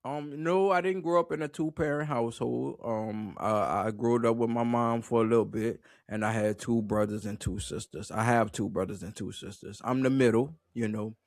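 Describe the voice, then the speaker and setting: A man's voice: medium pitch, moderate pace, hardly any pauses, a little mellow, dry recording, clean studio sound. A young man with a New Orleans accent, chatting casually as an interview guest, laughing often and playfully imitating how people talk. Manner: laid-back, laughs often, playful mimicry. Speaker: interview guest, independent musician.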